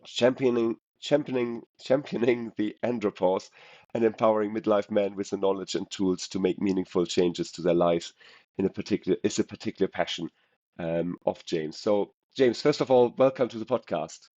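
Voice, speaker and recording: A man hosts a podcast in a low, hoarse voice thickened by a cold. He speaks conversationally but haltingly, tripping over words. The recording is dull and lo-fi. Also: dark tone. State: has a cold. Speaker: podcast host. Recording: muffled, roomy lo-fi sound.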